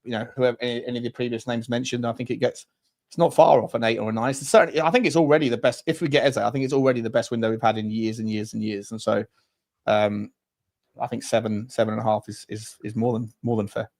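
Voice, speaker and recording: A man's voice: mid-range voice, fairly even intonation, fast talker, a little mellow. A man chatting casually as a football fan panellist, hesitant and repeating words as he thinks aloud. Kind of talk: casual chat.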